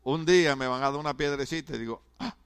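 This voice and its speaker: A man's voice: medium pitch, quick pace, fairly bright tone, smooth. A man, a pastor preaching a sermon in a conversational, humorous way, often stammering and restarting his words.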